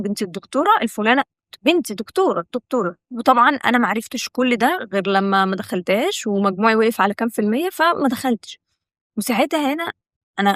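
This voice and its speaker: Rapid, earnest Egyptian woman. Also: fairly high pitch, no room sound, studio quality. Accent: Egyptian Arabic. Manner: earnest, coaxing, addresses the viewer directly. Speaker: self-development host. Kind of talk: direct-to-camera talk.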